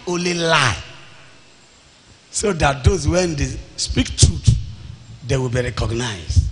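Nigerian man preaching, high-pitched and slow. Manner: emphatic storytelling with short repeated phrases. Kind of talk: impassioned sermon in Pidgin-inflected English. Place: large church hall with congregation. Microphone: handheld microphone. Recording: noisy large-hall PA recording.

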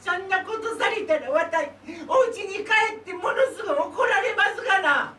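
Woman playing a crybaby Kansai-accented boy fox, high and shrill, live puppet show, roomy hall from far, music behind. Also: animated, moderate pace, sharp tone, a little hiss or hum, exaggerated voice. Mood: pleading. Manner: wailing, pleading, stammering. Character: young boy fox, timid lunch-box seller, crybaby. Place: art space performance room.

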